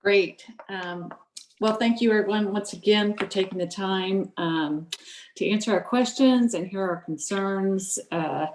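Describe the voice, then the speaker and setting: A woman on a video call giving a measured, prepared public comment, pausing often with ums. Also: mid-range voice, darkish tone, reverberant. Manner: measured, lots of ums between points. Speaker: public commenter, board director of a rental association.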